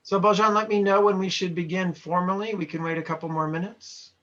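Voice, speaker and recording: Heard through lo-fi video call audio, a man from Montana, USA talks fairly quickly in a high, fairly bright voice with fairly even intonation. As a trainer, he casually chats with online participants and reads out what they type.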